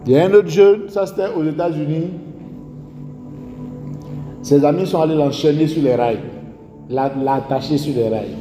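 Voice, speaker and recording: Man, Ivorian French accent, dark mellow voice, sermon, long hall reverb, faint music behind. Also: on the high side, normal speed, pauses often. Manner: storytelling with rhetorical questions. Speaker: preacher.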